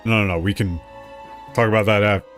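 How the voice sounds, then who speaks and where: A male game streamer with a fairly low voice, talking casually and thinking out loud as he plays. He paraphrases the dialogue in a loose, chatty way, with soft music in the background. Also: steady tone, a little fast. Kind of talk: casual let's-play commentary.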